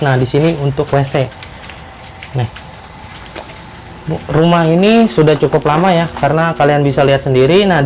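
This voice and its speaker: A man narrating an exploration vlog to viewers in a halting, repetitive way. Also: a little high, a little mellow, slight background noise, poor audio. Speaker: vlogger exploring abandoned houses. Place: abandoned roofless house and overgrown grounds in drizzle.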